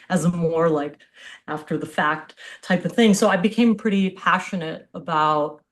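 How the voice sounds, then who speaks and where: This is a middle-aged American woman from Hawaii with a slightly low voice. Presenting as a physical therapist on a video call, she keeps the conversation informal and open.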